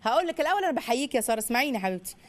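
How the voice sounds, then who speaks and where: A woman with an Egyptian accent hosting a call-in parenting show, animated and sing-song as she models phrases for children. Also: high voice, racing. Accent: Egyptian Arabic. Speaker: parenting educator and radio show host. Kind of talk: call-in advice talk.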